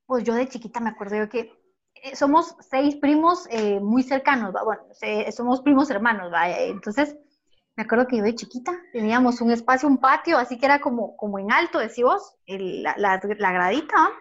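A woman's voice: on the high side, expressive, fairly quick, highs cut off. A woman with a Guatemalan accent reminiscing in casual chat, full of filler tags. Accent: Guatemalan Spanish. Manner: chatty, peppers speech with "va" and "vos".

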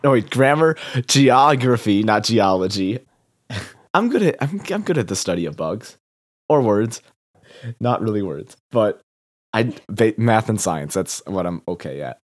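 A man's voice: on the low side, very animated, moderate pace, a little mellow, dry recording, clean studio sound. A man with a stuffy nose from a cold, chatting casually as a podcast co-host and often laughing at himself. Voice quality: nasal. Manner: self-deprecating, laughs often. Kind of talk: casual chat.

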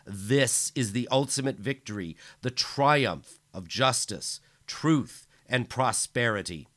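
A man voicing a cruel male tyrant who gives booming, theatrical speeches to a crowd, in an audiobook. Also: slow, no echo. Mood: bellowing.

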